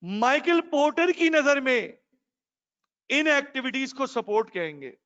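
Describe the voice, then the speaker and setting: A male teacher lectures a class in a high voice. He keeps putting questions to his students and calls them "beta". The sound is muffled and rings with a long reverb. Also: expressive, measured pace, fairly bright tone, smooth.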